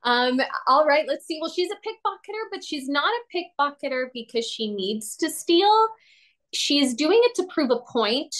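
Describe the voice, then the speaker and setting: A young woman who grew up in Latin America, an actor talking as a guest in a casual video-call interview, lively and expressive, laughing often. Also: high voice, moderate pace. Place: home room, indoors.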